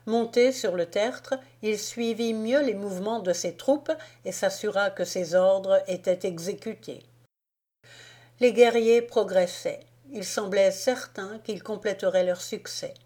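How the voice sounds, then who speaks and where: A woman reading a historical novel aloud in a slow, measured narration. Her pitch sits mid-range and her delivery stays deliberate and even. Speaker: audiobook narrator.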